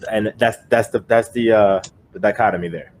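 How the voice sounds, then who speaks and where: A man's voice: fairly low pitch, steady tone, normal speed, darkish tone. A young man co-hosting a podcast, giving his opinions in a rambling, casual way with many fillers and restarts. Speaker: podcast co-host.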